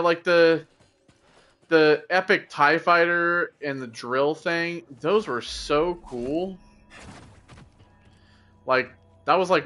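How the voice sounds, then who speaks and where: A tired man chatting casually and somewhat monotone while playing a video game late at night, with lots of fillers and swearing. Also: fairly high pitch. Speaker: let's play gamer. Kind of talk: casual gameplay commentary.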